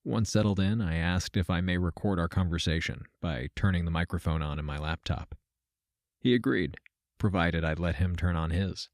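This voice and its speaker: In this audio drama, an actor whose voice sits low speaks at a moderate pace as a wry, matter-of-fact man recounting his trip between simulations. He narrates in first person with a dry, deadpan manner and wordy formal language. There's no room sound, only music under the voice.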